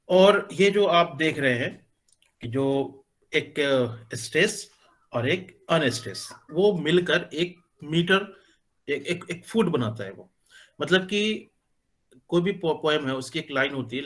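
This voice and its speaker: A male teacher explaining a lesson, talking in an unhurried way with many pauses and filler sounds, with phrases. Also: fairly high pitch, animated. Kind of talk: spoken lecture in Hindi mixed with English.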